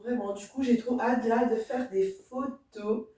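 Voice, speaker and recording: Young female vlogger, enthusiastic, quiet delivery, higher voice, recorded far off in an echoey room. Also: steady tone, a little slow. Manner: chatty, enthusiastic, addresses viewers directly; soft-spoken. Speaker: beauty vlogger. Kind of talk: casual get-ready-with-me vlog. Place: indoor room. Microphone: camera standing at a distance.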